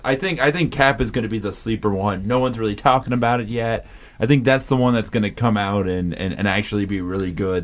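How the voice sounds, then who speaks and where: A man co-hosting a casual comedy podcast, rambling with restarts and fillers. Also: medium pitch. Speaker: podcast co-host.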